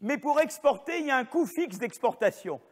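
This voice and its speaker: High-voiced man lecturing in a reverberant hall. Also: lively intonation, brisk, darkish tone. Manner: digressive, many restarts and asides, checks in with "vous voyez"; jokey, self-mocking asides. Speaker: professor giving a lecture. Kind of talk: spontaneous university lecture.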